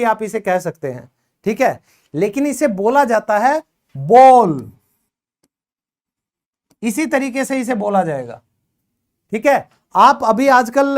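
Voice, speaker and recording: A man teaching English phonics, explaining in Hindi, praising and quizzing his students as he goes. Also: extremely high pitch. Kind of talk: classroom phonics lesson.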